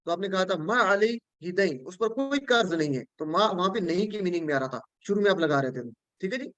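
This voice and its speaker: A man's voice: high-pitched, expressive, fairly bright tone, no room sound, muffled recording. A man with a Pakistani Urdu accent, teaching the meanings of Quran words, repeating each word patiently and often checking that his students follow. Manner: recites prayer phrases slowly.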